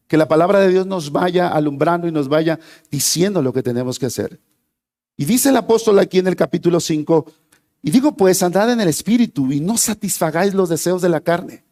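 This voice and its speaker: Male preacher with a high voice. Animated and questioning, with loud peaks. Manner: lively, rising to near-shouts on key points, then dropping low; questions the congregation often. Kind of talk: sermon.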